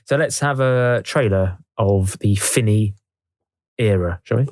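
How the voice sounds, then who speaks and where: A man's voice: on the low side, a little slow, darkish tone, no room sound, studio quality. A young man co-hosting a podcast, chatting and reading out film facts and quotes, laughing often. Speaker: podcast co-host. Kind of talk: casual chat, reading film history.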